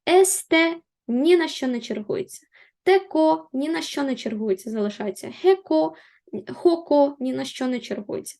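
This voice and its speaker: A woman teaching a grammar lesson in a high voice with a gravelly, creaky edge. She explains patiently, repeating each rule and rephrasing it. She slows down to spell out the example words. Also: expressive, darkish tone. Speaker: language teacher.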